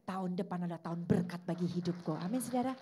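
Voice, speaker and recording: A woman pastor giving a lively church sermon, animated and leading the congregation in call-and-response. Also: fairly low pitch, fast, very noisy.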